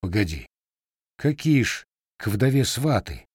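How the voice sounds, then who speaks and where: A man's voice: lowish voice, animated, normal speed, a little mellow, no room sound, clean studio sound, pitched above the performer's own voice. A man voicing a blunt scarred young Cossack. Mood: guarded. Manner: plain, blunt village speech.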